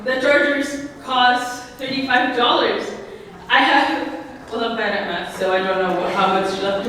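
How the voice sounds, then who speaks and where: A woman's voice: a little high, fairly bright tone. Nervous teenage girl in an echoey hall. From Syria. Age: teens. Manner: nervous, hesitant, laughs often. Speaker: new citizen speaker. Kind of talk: nervous personal speech. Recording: echoey hall from far off, noisy.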